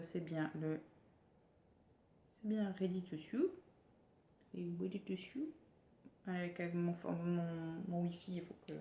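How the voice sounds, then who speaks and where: A woman's voice: lowish voice, dark tone, slight background noise. A French woman talking casually about her sewing projects, hesitant and full of fillers. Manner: chatty, hesitant, many fillers and restarts. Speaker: sewing vlogger. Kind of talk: casual sewing podcast chat. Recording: echoey room with faint ambience.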